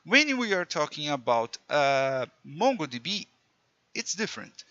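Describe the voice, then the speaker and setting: A programming tutor with a Portuguese accent talks in a fairly high, sharp voice, slowly and with big swings in pitch. He's chatty and self-mocking, making slips in his clumsy English during a casual screen-recorded coding lesson. The close-mic sound is dry and a little muffled, without echo.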